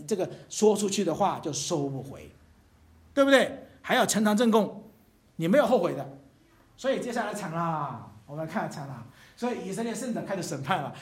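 A preacher delivering a sermon with a voice that climbs and falls all over the place. The delivery is animated and conversational, with small chuckles and frequent rhetorical questions to the congregation. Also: medium pitch. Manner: chuckles between phrases. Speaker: pastor.

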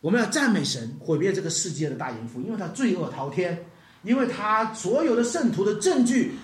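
A preacher giving a sermon, telling scripture stories in an animated way, asking the congregation rhetorical questions and acting out the voices of the people in them. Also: fairly quick, a little hiss or hum. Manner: acts out quoted voices with big pitch swings. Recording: echoey room.

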